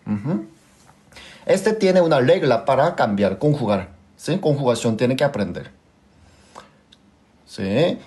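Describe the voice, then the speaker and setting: A man's voice: mid-range voice, big pitch swings, takes it slowly, long pauses, warm tone. A man with a Korean accent teaching a language class, who patiently repeats examples and keeps asking his students if they understood. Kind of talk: live class explanation.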